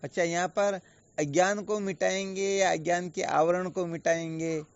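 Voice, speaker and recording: A man's voice: high voice, steady tone, unhurried. A man acting as a spiritual teacher, giving a patient, explanatory online discourse full of rhetorical questions. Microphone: video call. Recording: dull lo-fi online call audio.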